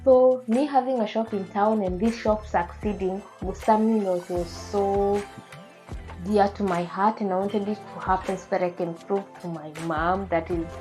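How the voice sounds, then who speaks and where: A woman in her twenties with a Kenyan accent chats casually to camera as a beauty and lifestyle vlogger. Her mid-range voice is a little mellow, and she speaks in an earnest, emphatic way.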